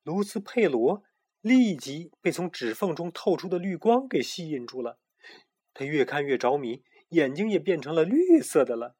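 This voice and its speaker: 一个男人在讲儿童故事，语气生动有表情。. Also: male voice, a little high, moderate pace, husky. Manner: lively, expressive storytelling. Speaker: storyteller. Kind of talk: children's story narration.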